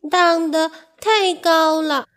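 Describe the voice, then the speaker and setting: A woman voicing a small, fearful little mouse in a children's storybook, with a squeaky, hesitant voice. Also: steady tone, slow, fairly bright tone, exaggerated voice. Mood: timid. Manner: squeaky, hesitant, high-pitched.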